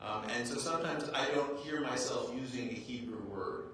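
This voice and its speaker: An American rabbi, a native English speaker, gives an informal talk to an audience in a large, echoey room, his mid-range voice a bit bright at a moderate pace. He pokes fun at himself and keeps checking in with "right?" A distant clip-on mic makes the hall sound very echoey, with faint noise.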